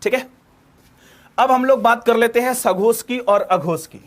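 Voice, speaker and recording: A high-pitched male teacher runs an exam-prep lesson. He keeps firing questions at his students and answering them himself, hammering each point home. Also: unhurried.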